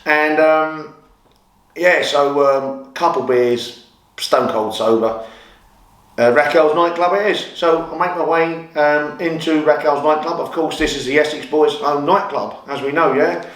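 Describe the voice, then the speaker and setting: A man's voice: on the high side, steady tone, unhurried, fairly bright tone. A man in his fifties with a London accent tells stories casually to viewers, hesitating often in a conversational way. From West London, England. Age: 50s. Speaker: YouTube channel host. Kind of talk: casual spoken storytelling to viewers. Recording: echoey room.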